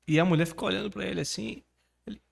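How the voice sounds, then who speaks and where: A man from Brazil teaching English online, pitching his course and coaching pronunciation with energy. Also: racing, gravelly. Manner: energetic, persuasive, asks the viewer to repeat words.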